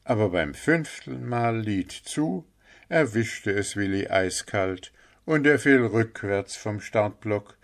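A male storyteller reads a children's tale in an unhurried, even manner. His voice sits on the low side, and he takes his time with each phrase. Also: gravelly. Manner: calm, measured reading. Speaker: narrator. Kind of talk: storybook narration.

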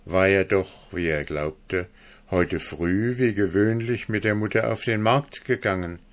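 A man reading a fairy tale aloud in a slow, measured and calm narration. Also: deep voice. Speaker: storyteller.

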